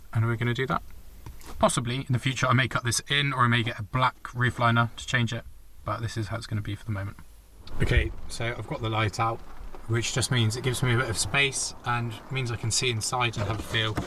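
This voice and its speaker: A man with a medium-pitched voice, a vlogger who reviews and installs car gear, casually explains equipment while background noise plays. His tone is informal and explanatory, as if thinking aloud, in a relaxed product review with hands-on demonstration.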